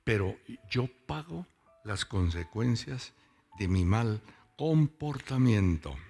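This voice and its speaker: Man, pastor, sermon to a congregation, low husky voice, soft music behind. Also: sing-song, slow pace. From Boyacá, Colombia. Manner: conversational, asks the congregation questions. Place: church service with congregation.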